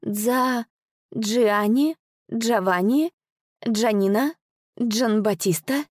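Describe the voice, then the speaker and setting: A woman's voice: a little high, extremely slow, darkish tone, no room sound, clean studio sound, pitched above the performer's own voice. Woman doing a teasing, playful young girl. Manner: teasing, mock-stern.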